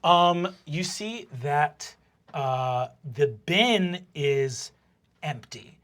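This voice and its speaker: A man's voice: a little high, expressive, extremely slow, fairly bright tone, a little hiss or hum. A man narrating a tabletop fantasy game as game master, improvising descriptive scenes and ruling on players' actions. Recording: clear music under the voice.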